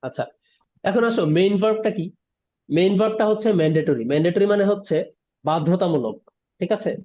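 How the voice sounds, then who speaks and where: Male tutor, online class, quick and high-pitched, muffled video-call audio. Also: warm tone. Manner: explains word by word, mixing English terms, asks "ঠিক আছে?". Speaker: English teacher.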